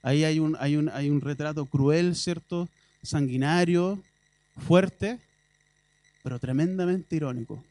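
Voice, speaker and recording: A male preacher with a Chilean Spanish accent gives a sermon in a church, chatting and joking with dry irony, then pushing into emphatic bursts. His voice sits high for a man. The sound is close and dry, with little room echo. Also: a little slow, warm tone. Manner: conversational, ironic, with rising emphatic bursts.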